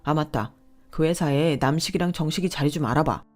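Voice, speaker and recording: A woman's voice: low voice, a little fast, darkish tone, faint music behind. A woman voicing an entitled, scheming young husband who whines and makes demands. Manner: whiny, demanding, indignant.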